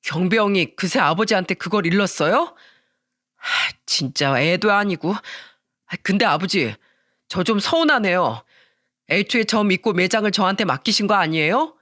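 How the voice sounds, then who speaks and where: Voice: mid-range voice, animated, normal speed, pushed and bright, no echo, clean studio sound. A narrator voicing a self-justifying young husband who argues with his wife and father. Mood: defiant. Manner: pleading then defiant.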